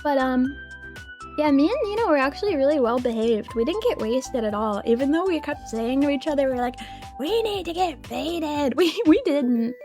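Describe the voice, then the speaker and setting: Young female VTuber, casual stream chat, excitable, laughs a lot, swears, lively pitch swings. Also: a little fast, faint music behind. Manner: excitable and giggly, swears freely.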